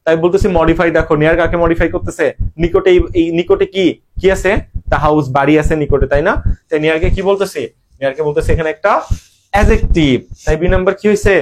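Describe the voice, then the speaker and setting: A man's voice: a little high, fast, slight background noise. A young man with a Bangladeshi Bengali accent teaching English grammar in an online admission-prep lesson, drilling students with rhetorical questions.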